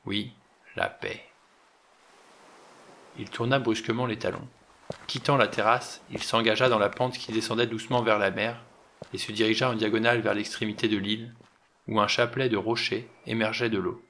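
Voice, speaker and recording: A man's voice: on the low side, level tone, a little fast, a bit bright, slight background noise. Man narrating an audiobook steadily.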